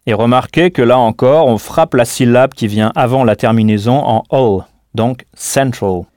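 A man's voice: mid-range voice, normal speed, a little mellow, no room sound, clean studio sound. A man teaching a scripted audio language lesson, patient and didactic, prompting the listener to answer.

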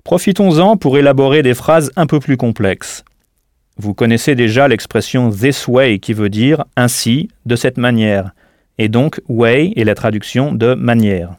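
A man's voice: medium pitch, measured pace, a little mellow, no room sound. Patient male language teacher, dry sound. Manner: patient, didactic, prompts the listener to answer. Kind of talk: scripted audio language lesson.

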